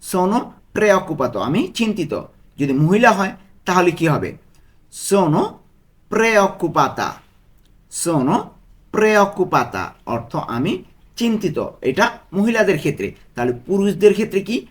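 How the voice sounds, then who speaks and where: A Bangladeshi Bengali man teaches a language lesson in a somewhat high voice. His pitch rises and falls a lot. He asks questions and answers them himself, and he goes over each phrase slowly. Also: sing-song. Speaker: language tutor. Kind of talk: Italian lesson taught in Bengali.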